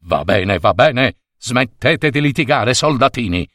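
A man's voice: mid-range voice, expressive, measured pace, fairly bright tone, no room sound, studio quality. A man voicing a stern old general who gives clipped orders to a group of children. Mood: commanding.

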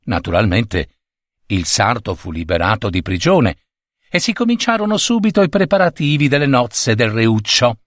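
A man narrating a fairy tale expressively, with pauses and rising emphasis. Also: mid-range voice, very animated, dry recording, clean studio sound. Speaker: storyteller.

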